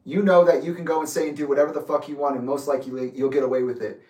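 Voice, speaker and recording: A man in his late twenties giving an intense, accusatory personal reflection, speaking deliberately. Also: on the high side, flat delivery, warm tone. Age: 20s. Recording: echoey room, distant mic.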